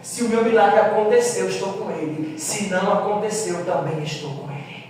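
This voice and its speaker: A man preaching a sermon, impassioned, swinging between hushed and loud. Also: high voice, fairly quick, a little hiss or hum. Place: church hall. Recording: echoey church hall, mic far off.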